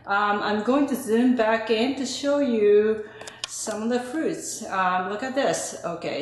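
A woman speaks slowly and casually, trailing into ums as she walks through her plants. Her voice carries a strong, roomy echo, as if filmed in a large hard-walled space. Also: a little high. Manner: relaxed, hesitant, lots of ums. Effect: strong echo, as in a big hall. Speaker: gardening vlogger. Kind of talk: casual show-and-tell. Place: indoor spot chosen for space to film tall plants. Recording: echoey room recording.

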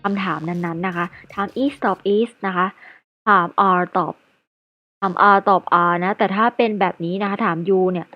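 A woman's voice: lowish voice, fairly even intonation, unhurried, no echo, highs cut off. Woman teacher, patient step-by-step explaining, online grammar lesson, faint music underneath. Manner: patient, explains step by step and ends phrases with polite particles. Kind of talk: online English lesson for children.

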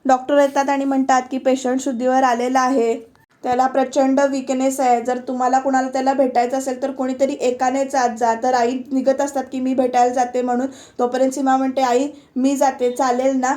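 A woman's voice: high-pitched, level tone, fairly quick, mellow. A woman narrating a voice-over recap of a TV serial, retelling each scene and reading out the characters' dialogue. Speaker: serial reviewer.

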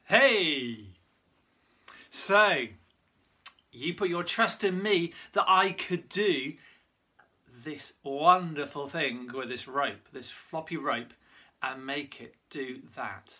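Bright, lively church storyteller. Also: mid-range voice. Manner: lively storytelling with props, loses track and corrects itself. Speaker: church leader giving a children's Bible talk. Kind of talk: online worship Bible story talk.

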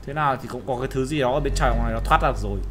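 A young man playing a horror game while he talks, yelping and shouting at every scare and muttering quietly when he sneaks around. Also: medium pitch, very fast, a little hiss or hum. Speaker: gaming channel host. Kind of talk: horror game let's play commentary.

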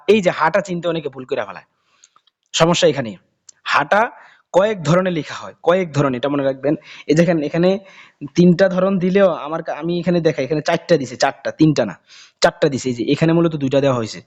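A man with a teaching Quran reading in a casual spoken lesson, explaining letters and drawling each letter name slowly again and again. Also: fairly high pitch, highs cut off.

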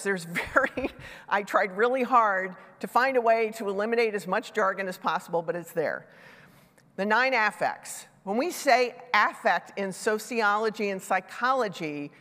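Speaking into a headset mic on a big, darkened stage, this middle-aged conference speaker keeps her mid-range, fairly bright voice animated and at normal speed. She sounds a little stuffed up from a sinus infection and pokes fun at herself as she chats. The conference hall rings with reverberation.

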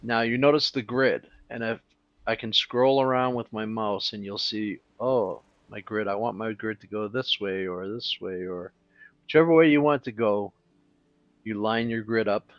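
Low-voiced man walking through a game tutorial. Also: normal speed, no echo, highs cut off. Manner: relaxed, thinks aloud with fillers. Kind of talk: casual screen-recorded tutorial.

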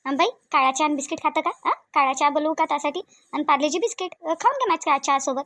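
A motherly older village woman fusses in a Varhadi accent for a cartoon, her voice high and her talk quick. She coaxes and repeats herself over and over. The recording is close and dry. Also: fairly bright tone, dry recording. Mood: comforting. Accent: Varhadi Marathi. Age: middle-aged. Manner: coaxing, fussing, repeats herself. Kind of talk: cartoon voice acting.

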